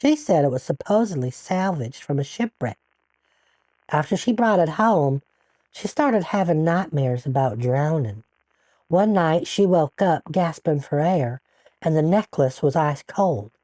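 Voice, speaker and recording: A woman playing a caller from New Orleans, telling an eerie family story calmly and steadily. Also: low-pitched, measured pace, no echo.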